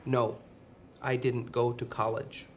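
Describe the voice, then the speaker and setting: Male actor as a slow, apologetic applicant; scripted sketch, faint hiss. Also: medium pitch, little pitch movement, lightly acted. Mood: sheepish. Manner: hesitant, apologetic short answers. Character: meek adult man job applicant who lied. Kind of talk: scripted comic dialogue.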